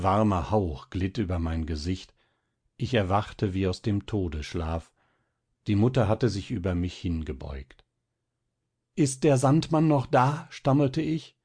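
A man reads a classic tale aloud as an audiobook narrator. His delivery is expressive and dramatically paced. He has a low, husky voice. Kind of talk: literary audiobook reading.

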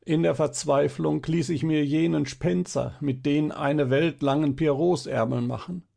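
A man's voice: fairly high pitch, fairly even intonation, measured pace, vocal fry, mellow, exaggerated voice. A male reader voicing a despairing young man who speaks in a broken, whining voice in an audiobook. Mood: lamenting. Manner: whiny, broken voice.

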